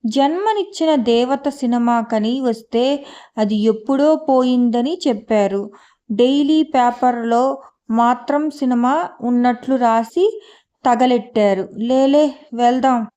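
A woman narrating an audio novel in a steady, measured storytelling manner. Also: a little high.

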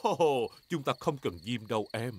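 A big, clumsy cartoon father pig, jolly and boastful, with a remarkably deep voice that swings up and down a lot. He talks in a cheerful, self-assured way over a loud, noisy track. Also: lively intonation, a little slow.

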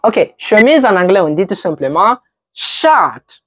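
A woman giving a slow vocabulary quiz lesson as an English teacher, patiently repeating each word for learners. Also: mid-range voice, big pitch swings, noisy background.

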